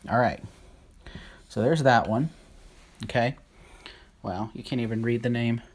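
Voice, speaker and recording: Casual Bible study host, mid-pitched, slow and halting, writes as they talk. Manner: halting, unsure of names, thinks aloud while writing. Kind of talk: casual Bible lesson at a whiteboard.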